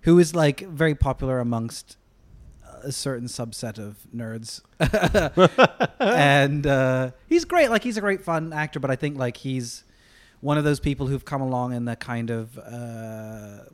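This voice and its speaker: A man, a comedian guest on a podcast, telling rambling, self-mocking stories in an animated way. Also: medium pitch, measured pace, dry recording. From United States. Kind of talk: casual chat.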